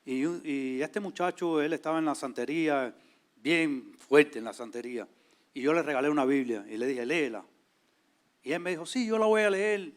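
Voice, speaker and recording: A man, telling his testimony in a lively way and acting out the voices of people in his story. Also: a little high, moderate pace. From Cuba. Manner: animated, acts out quoted voices. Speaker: church servant leader, guest.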